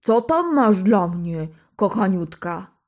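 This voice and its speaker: A woman's voice: mid-range voice, big pitch swings, slow, a little mellow. A woman doing a roaring man-eating giant. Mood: gruff. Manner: roaring, menacing. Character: loud slow-spoken man-eating male giant.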